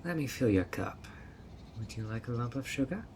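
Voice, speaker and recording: With lively intonation and a moderate pace, a man's natural, mid-range, slightly mellow voice portrays a sweet but obsessive male fairy at a tea party. Honeyed and playfully sly, the fairy sweetly schemes to coax a guest in this audio roleplay, with slight background noise.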